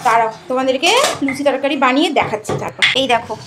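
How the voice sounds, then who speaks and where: A young woman with a high, light voice talks easily to her viewers as if they were friends. She speaks close to a phone camera in her home. Steady household noise runs under her voice throughout. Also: very fast. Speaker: home vlogger. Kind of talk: casual home vlog. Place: family home. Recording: noisy home recording.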